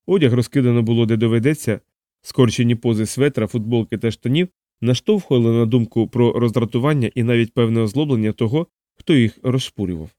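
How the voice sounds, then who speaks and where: A man narrating an audiobook in an even, measured storytelling voice. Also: mid-range voice, no echo, clean studio sound.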